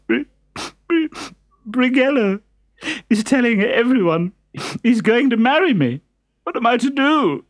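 A man voicing a young woman in a storybook, speaking high and lightly. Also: wildly swooping pitch, moderate pace, few pauses, mellow, breathy edge, exaggerated voice. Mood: tearful. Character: young woman, giggly and sweet.

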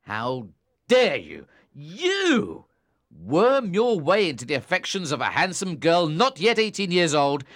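A cold, scornful young man, read by a woman putting on a low voice in a storybook recording. He talks with a hard, commanding edge and swings widely in pitch. The sound is dry and close. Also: very animated, normal speed, hardly any pauses, a bit bright, no room sound, heavily acted. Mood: angry. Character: stern young man, cold and harsh brother.

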